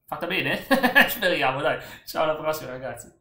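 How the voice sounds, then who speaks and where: A man's voice: fairly high pitch, normal speed, sharp tone, reverberant. A man casually commenting as he works through a language app lesson, chatty and often correcting himself as he repeats words aloud. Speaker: YouTuber learning a language.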